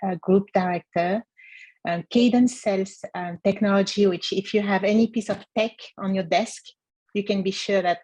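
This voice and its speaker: Husky-voiced woman panelist. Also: medium pitch, a little mellow, poor audio. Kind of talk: panel discussion.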